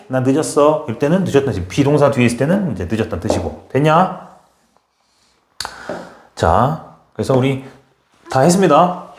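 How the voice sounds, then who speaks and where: A man teaching an English grammar lesson in a brisk way, often checking in with his students and urging them to memorize. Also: mid-range voice, a little mellow, reverberant. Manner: brisk, repeats "okay?" and pushes students to memorize. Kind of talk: classroom lecture.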